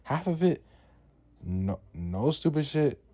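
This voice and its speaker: A man's voice: a little high, sing-song, slow, warm tone. A young man from New York telling a profane, slangy storytime in a laid-back way. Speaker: vlogger. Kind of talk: casual storytime vlog.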